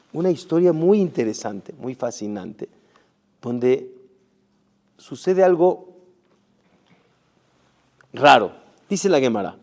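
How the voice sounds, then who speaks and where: Emphatic man preaching, higher voice. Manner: emphatic, rising and dropping loudness, rhetorical questions to the audience; sprinkles Hebrew terms into Spanish. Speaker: rabbi. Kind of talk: Torah class sermon.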